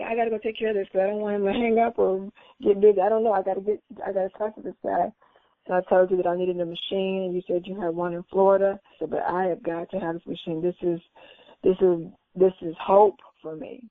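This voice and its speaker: A woman recounts her recovery in casual, conversational storytelling, lively and earnest. Her voice sits on the lower side for a woman, and she jumps up in pitch to act out the people she quotes. The sound is dry and thin, like a call over a phone line. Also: no echo. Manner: animated, acts out quoted dialogue in a raised voice. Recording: tinny phone-line audio.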